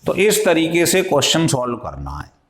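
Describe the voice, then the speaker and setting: A man's voice: on the high side, huge pitch swings, normal speed, fairly bright tone. A male chemistry teacher lecturing in a classroom style, explaining step by step and asking his students questions as he goes. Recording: echoey room.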